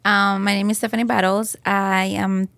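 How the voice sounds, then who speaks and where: A woman's voice: mid-range voice, little pitch movement, moderate pace, creaky, a bit bright, dry recording. A woman in her thirties from Colombia, a podcast guest chatting casually, laughing often and saying "like" a lot. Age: 30s. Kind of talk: casual interview chat.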